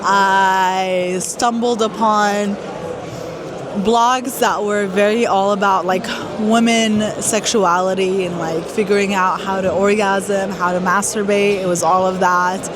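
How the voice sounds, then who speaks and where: A young woman from Iraq giving candid, casual interview answers, halting often with fillers. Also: medium pitch, steady tone, noisy background. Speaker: guest performer. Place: busy trade fair hall. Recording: loud crowd chatter behind.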